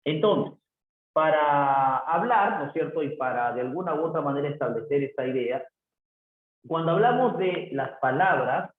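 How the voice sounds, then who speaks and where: A man's voice: on the high side, slight background noise. A man teaching a class online, who keeps asking "¿no es cierto?" and acts out his students' questions himself. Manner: repeats the tag "¿no es cierto?" often, voices imagined student questions himself. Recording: echoey room over a tinny phone-like line.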